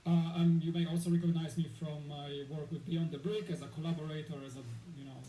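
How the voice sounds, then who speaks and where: A Polish man in his thirties, appearing as a guest in a casual interview, talks quickly in a slightly high, steady, warm voice. He rambles, full of fillers and restarts. The room is echoey with faint background noise.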